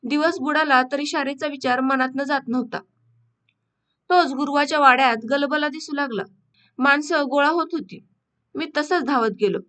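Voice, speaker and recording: High-voiced woman reading a story. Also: normal speed, bright, forceful tone. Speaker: audiobook narrator.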